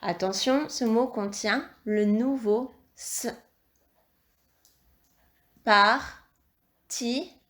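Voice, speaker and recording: A woman teacher with a slightly high voice leads a dictation for young children. She speaks slowly and lays out every syllable with care. Her instructions stay patient and encouraging throughout. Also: expressive. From France. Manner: slow, clear, articulated dictation with encouraging instructions. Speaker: primary school teacher.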